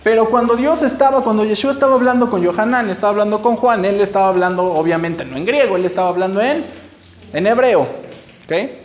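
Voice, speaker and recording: A man's voice: sits high, a little fast. A man teaching a Bible study to a group, explaining patiently and checking in often with "ok?". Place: room with a listening group. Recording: echoey room, faint background noise.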